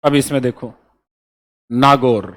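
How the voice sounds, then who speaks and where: A male exam-prep teacher lectures a class, drilling memory codes one letter at a time, repeating key points and checking in with students again and again. His mid-range voice is steady, slow and a bit bright.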